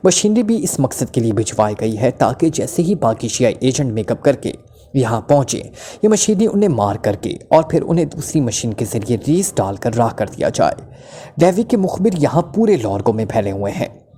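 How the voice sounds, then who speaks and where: A man's voice: medium pitch, mellow, lightly acted. A man voices a terrified male club owner who stammers and trembles under interrogation, then talks on and on.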